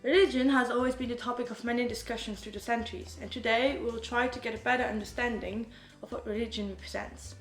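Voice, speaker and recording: A French woman hosts a podcast, her voice on the high side with fairly even intonation and a fast pace. She brightly reads a scripted welcome, then chats casually with guests, asking questions full of "like"s. The room echoes, and faint music plays behind her.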